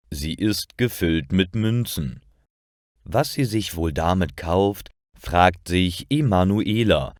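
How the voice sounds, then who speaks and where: Slow, expressive male storyteller. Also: deep voice, no echo, clean studio sound. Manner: slow, clear, expressive reading. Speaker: narrator. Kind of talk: scripted narration of stories for language learners.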